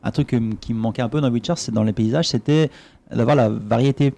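A man co-hosting a gaming podcast, chatting casually in quick, filler-heavy speech. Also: mid-range voice, vocal fry, mellow. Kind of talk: casual chat.

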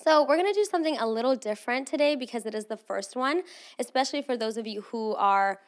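A woman's voice: on the high side, fast talker. A woman in her twenties, born in Armenia with English as her third language, hosting her own podcast in a casual, chatty solo talk with frequent asides to listeners. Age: 20s. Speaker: podcast host.

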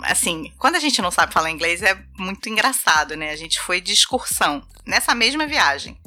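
A Brazilian woman guest with a Brazilian Portuguese accent and a lowish voice tells funny travel stories in a casual chat, talking a little fast. She's animated, acting out the voices of the people she quotes and laughing as she goes.

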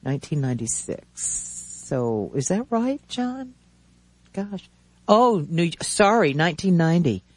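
A man in his seventies hosting a radio talk show from a studio, chatting casually in a rambling, halting way with many restarts. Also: high voice, big pitch swings, no echo.

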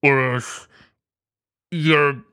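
Brief: man putting on a disguised deep-voiced kidnapper on the phone, menacing, very slow delivery, dry close sound. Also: steady tone, pushed and bright, clean tone, dry recording. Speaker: podcast co-host telling a story.

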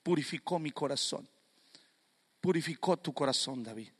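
Fervent high-voiced male preacher. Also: normal speed, husky, in a large hall. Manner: fervent, rising to loud emphatic preaching. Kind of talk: sermon.

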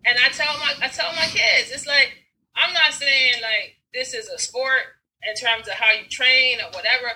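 A woman telling personal stories in casual conversation, animated, acting out scenes and swearing freely. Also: high voice, normal speed, poor audio. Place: Brooklyn.

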